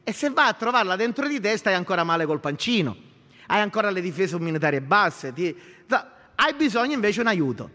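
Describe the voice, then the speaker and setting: A man's voice: sits high, very animated, a little fast, bright, forceful tone. A male pastor preaching a sermon, building emphasis with rhetorical questions, in an echoey hall.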